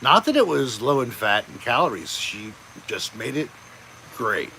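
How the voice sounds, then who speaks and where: A man hosting a casual live chat, greeting viewers by name in a relaxed, chatty way. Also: mid-range voice, unhurried, vocal fry, slight background noise, rough recording. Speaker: livestream host.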